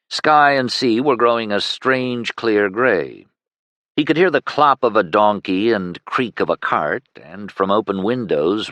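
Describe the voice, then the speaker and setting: Deep, lively male audiobook narrator. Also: no echo. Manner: expressive storytelling with lively pitch swings. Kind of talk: scripted fantasy narration.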